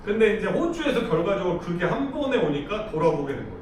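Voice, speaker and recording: A high, fast voice with big pitch swings belongs to a middle-aged man from Seoul, South Korea, giving a relaxed, chatty lecture with stories and lots of laughing. He's recorded from a distance, off-mic in an echoey hall, with slight background noise.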